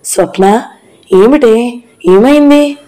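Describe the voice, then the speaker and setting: A woman's voice: mid-range voice, normal speed, mellow, lightly acted. A woman voicing a frail older mother, anxious and pleading, breaking into sobs in a storybook reading. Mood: alarmed.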